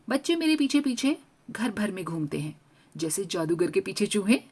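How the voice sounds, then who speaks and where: Woman narrator, mid-pitched, expressive first-person storytelling in a young girl's voice. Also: slightly rough.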